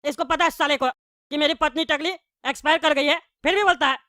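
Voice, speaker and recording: A woman's voice: sits high, steady tone, fast talker, bright, forceful tone, dry recording, studio quality. Woman voicing a rude bald cartoon politician. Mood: angry. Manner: insulting, threatening rants. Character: bald widowed politician man, rude and hot-headed. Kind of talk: cartoon voice acting.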